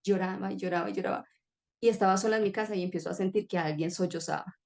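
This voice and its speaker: A woman's voice: mid-range voice, steady tone, fast, a little mellow. A woman telling an emotional personal testimony in an earnest, heartfelt conversational way. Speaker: guest sharing testimony.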